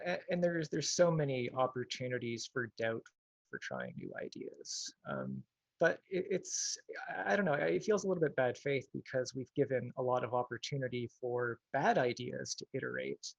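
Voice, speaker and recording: A man's voice: mid-range voice, expressive, normal speed, creaky, no echo, highs cut off. A man speaking as an activist guest in a casual livestream interview. He is thoughtful and hedges, with plenty of "like" and "you know".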